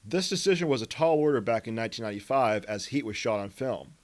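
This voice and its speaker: A man's voice: mid-range voice, lively intonation, fast. Rambling male podcast host. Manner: rambling, explains film trivia with many fillers. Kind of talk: casual film discussion.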